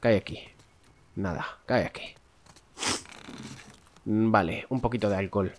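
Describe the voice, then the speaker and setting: A man's voice: on the low side, unhurried. A man from with a stuffy, nasal voice from a cold, chatting casually to viewers as he plays a game, swearing often. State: congested, nasal voice. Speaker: gameplay streamer. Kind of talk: casual let's-play commentary.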